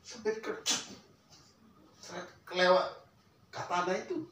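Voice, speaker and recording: A man's voice: high voice, takes it slowly. Older man with a lilt, in an echoey room. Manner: animated, swinging between hushed murmurs and loud outbursts. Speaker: guest recounting a family story. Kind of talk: casual conversational storytelling. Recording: echoey room, distant mic, faint ambient hiss.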